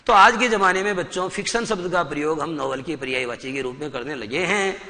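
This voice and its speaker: A male teacher gives a classroom lecture, slowly reading out English definitions and then quizzing his students with questions. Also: a little high, pushed and bright, big-room sound. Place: satellite classroom studio.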